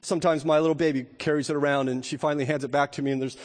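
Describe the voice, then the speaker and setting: A middle-aged male pastor preaching a sermon in a church, emphatic and rhetorical, slowing his words to stress them. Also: fairly high pitch, fairly even intonation, a little mellow. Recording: long reverb of a church hall.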